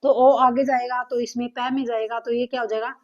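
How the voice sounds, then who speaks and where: A woman's voice: a little high, flat delivery, brisk. A woman teaching a grammar lesson, patiently asking questions and answering them herself. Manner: patient, asks and answers her own questions. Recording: dull lo-fi sound.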